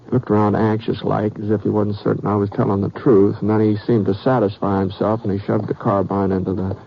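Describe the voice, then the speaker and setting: In a 1950s western radio drama, an American actor plays a terse, plain-spoken frontier lawman narrating his own story in measured fashion. His voice is lowish, level, gravelly, and a little fast, heard through a muffled old recording with background hiss.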